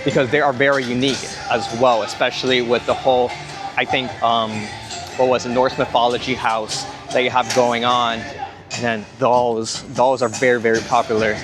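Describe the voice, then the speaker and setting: A young man talks in a mid-pitched voice, rambling and repeating himself as he vlogs. He sounds slightly out of breath. He is outdoors, with faint music somewhere behind him. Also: flat delivery, moderate pace. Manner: enthusiastic, rambling, repeats words. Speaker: theme park vlogger. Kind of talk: casual rambling vlog talk. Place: outdoors at a theme park. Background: music from nearby.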